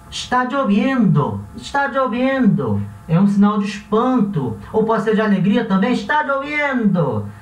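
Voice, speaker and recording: A Brazilian man with a relaxed, chatty teaching manner who often corrects himself and checks in with his listeners. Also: high-pitched. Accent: Brazilian Portuguese. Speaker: language teacher. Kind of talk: casual classroom explanation. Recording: echoey room, voice a bit far from the mic.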